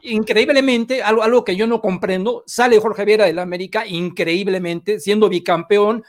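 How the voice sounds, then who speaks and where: A man's voice: sits high, steady tone, a little fast. A man hosting an interview, asking long, rambling questions. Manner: long rambling questions, frequent short backchannels. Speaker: interviewer, host. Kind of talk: casual interview.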